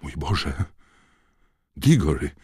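A man putting on a loud, rattled official in a storybook reading, pushed up high above a very deep, husky base voice, the sound dry and close. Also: sing-song, drawn-out words, dry recording, heavily acted. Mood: alarmed. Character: excitable male minister, loud and flustered.

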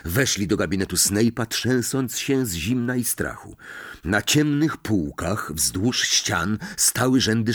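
A man narrating an audiobook in an expressive storytelling style. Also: fairly low pitch, husky, no room sound, clean studio sound. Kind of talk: scripted narration.

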